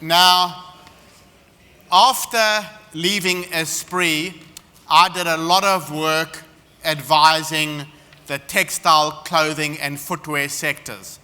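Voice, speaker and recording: In a reverberant expo hall, a man from South Africa gives a confident, anecdote-filled seminar talk as a guest speaker. He has a South African accent, and his voice is a little high, bright and forceful.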